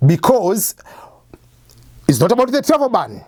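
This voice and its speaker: A man hosting an immigration advice channel talks to camera, explaining things step by step in a conversational style and posing questions he then answers himself. His voice sits high with wildly swooping pitch, a measured pace and a darkish tone, in a dry recording.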